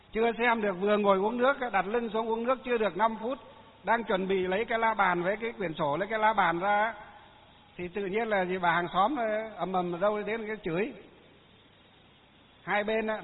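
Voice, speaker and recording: High-voiced monk, tinny hall. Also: male voice. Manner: folksy, chatty storytelling with frequent fillers. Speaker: Buddhist monk. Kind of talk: Dharma talk with anecdotes. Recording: tinny phone-like sound in a long-reverb hall.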